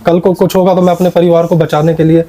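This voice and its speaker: A man who is a patient's relative, answering softly in an interview and readily agreeing with what is said. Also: on the high side, little pitch movement. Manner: soft, agreeable, quick to affirm. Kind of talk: testimonial interview.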